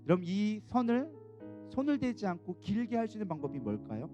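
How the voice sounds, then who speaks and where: A man's voice: high voice, big pitch swings, fairly quick, muffled recording, over music. A male co-pastor preaching a sermon, telling the story with animation and putting questions to the congregation.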